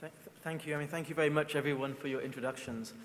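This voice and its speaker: A man's voice: on the high side, steady tone, quick pace, fairly bright tone, a little hiss or hum. A man moderating a conference panel from a lectern, talking hesitantly and often repeating words. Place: large conference hall, standing at lectern. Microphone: lectern microphone. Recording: long hall reverb.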